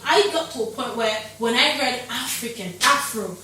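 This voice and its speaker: Young woman from Nigeria, interview guest, high-ish, emphatic, distant mic, very reverberant room. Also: normal speed. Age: young adult. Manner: energetic, emphatic, repeats phrases for effect. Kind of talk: casual interview chat. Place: studio set with sofa. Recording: very echoey studio, heard from a distance.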